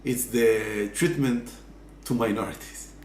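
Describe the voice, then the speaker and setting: A man giving earnest, halting interview answers full of fillers. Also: mid-range voice, a little mellow, a little hiss or hum. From Israel. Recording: echoey room.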